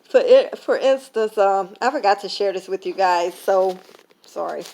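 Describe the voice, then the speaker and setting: A woman's voice: medium pitch, moderate pace, a little mellow. Tired woman, casual vlog talk with lots of "um", retelling with quoted dialogue. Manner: conversational, many fillers, retelling with quoted dialogue. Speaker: vlogger sharing a faith lesson. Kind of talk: casual reflective talk to camera.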